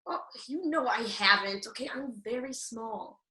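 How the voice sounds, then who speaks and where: A woman's voice: on the high side, animated, moderate pace, bright, forceful tone. A woman playing a feisty, anxious fairy-tale little girl in a comedic radio play, flustered, defensive and sarcastic. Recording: roomy, echoing sound.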